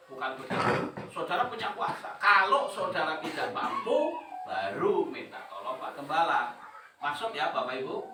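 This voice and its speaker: A man preaching a sermon to his congregation, animated and chuckling, often putting questions to them. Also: high voice, slight background noise. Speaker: pastor. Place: church hall. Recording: roomy hall, voice from a distance.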